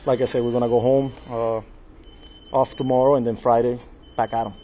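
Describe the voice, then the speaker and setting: A man in his forties, a baseball manager at a postgame press conference, speaking in a measured, halting way at a table mic in a small press room. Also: medium pitch, little pitch movement, muffled recording, slight background noise. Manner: measured, halting, repeats words and fillers. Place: small press room before a sponsor backdrop. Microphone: table mic in front of him.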